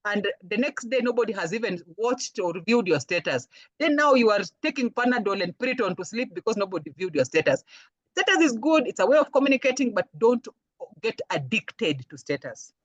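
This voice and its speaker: A woman with a Kenyan accent giving a lively counseling talk, acting out little voices when she quotes people. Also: mid-range voice, brisk, no echo, muffled recording. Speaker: guest speaker, counselor. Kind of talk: lecture-style talk.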